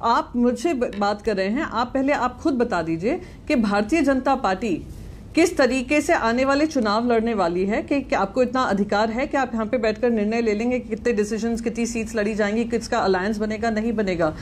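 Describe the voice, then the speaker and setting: A woman speaking as a party spokesperson in a heated TV debate, sharp and sarcastic as she rebukes an opponent. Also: a little high, moderate pace, slight background noise.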